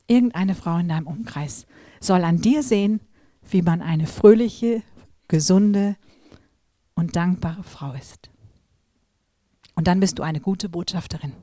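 A middle-aged woman preaching a sermon to a women's gathering, telling lively stories and speaking directly to her listeners. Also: on the low side, no room sound, clean studio sound. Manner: lively storytelling, acts out quoted voices, addresses audience directly.

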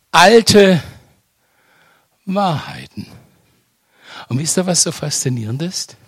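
An older man preaching a sermon, swinging between loud emphatic exclamations and soft hushed lines, often asking the congregation direct questions. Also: fairly high pitch, no echo, clean studio sound.

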